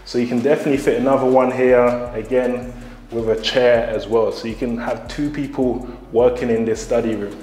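A young man with a London accent giving an upbeat house tour, talking straight to viewers. His voice sits in a middle range and bounces around bare, echoey rooms. Soft music plays underneath. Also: medium pitch, steady tone, moderate pace. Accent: London English. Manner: upbeat, enthusiastic, addresses viewers directly. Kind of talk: walk-through property tour. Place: empty newly built house, indoor rooms and garden.

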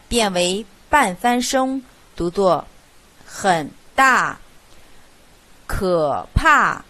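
A woman teaching Chinese pronunciation, reading drill words one at a time with clear, deliberate enunciation and pauses between them. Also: mid-range voice, sharp tone.

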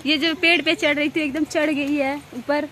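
A young woman with a high voice talks to her viewers while filming on a phone outdoors in a village. She chats and coaxes shy children to say hello. Wind, birds and animals come through clearly behind her. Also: little pitch movement, normal speed, pushed and bright. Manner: chatty, coaxing shy children to talk. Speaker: vlogger. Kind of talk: casual vlog narration. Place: outdoors in a village among trees. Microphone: phone held by the vlogger.

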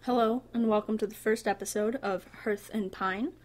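A woman's voice: mid-range voice, fairly even intonation, normal speed. A woman co-hosting a casual chat, friendly and teasing as she moves the talk along. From Northwoods of Wisconsin or Minnesota. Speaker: podcast co-host.

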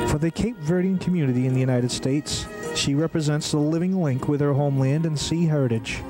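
Male narrator, somewhat high voice, measured formal read, music bed clearly under it. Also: rough recording. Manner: measured, formal, reading a list. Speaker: documentary narrator. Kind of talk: scripted narration. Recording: voice-over with loud music bed.

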